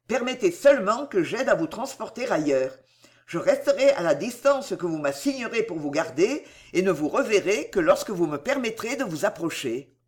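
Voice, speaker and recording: Woman reading as an anguished young gentleman. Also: mid-range voice, close to an everyday voice. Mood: desperate. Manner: impassioned, pleading outbursts.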